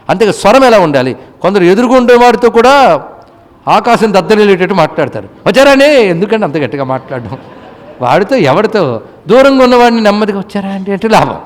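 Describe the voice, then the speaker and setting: High-voiced man giving a devotional discourse. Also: long reverb tail. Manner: chants scriptural verses slowly between plain explanation; asks the audience rhetorical questions. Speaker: spiritual discourse speaker.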